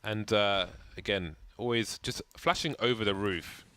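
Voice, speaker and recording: With background noise and loud game sounds in the mix, this esports caster calls a competitive shooter match play by play. He's talkative and given to light banter, his voice on the low side and his pace a little slow.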